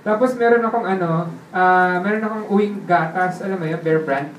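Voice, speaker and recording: A man's voice: high voice, normal speed, slight background noise. Chatty man, distant roomy mic. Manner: keeps checking in with the listener using tag questions; chuckles often while telling the story. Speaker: interviewee telling his life story. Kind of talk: casual spoken storytelling. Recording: roomy sound from a distant mic with faint ambience.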